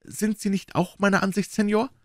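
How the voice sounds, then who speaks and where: Male reader doing scheming storybook mother, high, chatty, ingratiating. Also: level tone, a little fast, darkish tone, no echo, clean studio sound, lightly acted. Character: fussy scheming middle-aged mother.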